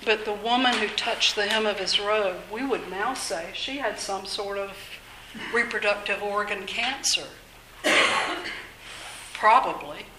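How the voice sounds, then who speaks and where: Slow, earnest older woman speaker. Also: medium pitch, sharp tone, slight background noise. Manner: earnest, measured, faith-minded. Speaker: speaker at a workshop on mental illness. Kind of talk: informal talk to an audience. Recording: echoey room.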